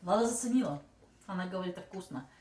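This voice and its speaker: A woman's voice: fairly low pitch, quick pace. A woman vlogging casually with her young child, tasting snacks and joking around. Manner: playful, jokey, animated. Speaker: vlogger, mother. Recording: echoey room, mic at a distance, faint noise.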